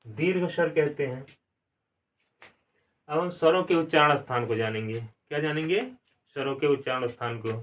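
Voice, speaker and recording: A man's voice: a little high, moderate pace, pauses often. Male teacher, classroom lesson, asks and answers his own questions, distant mic. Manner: asks a question and answers it himself, repeats key words. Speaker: grammar teacher. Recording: distant mic, some room sound.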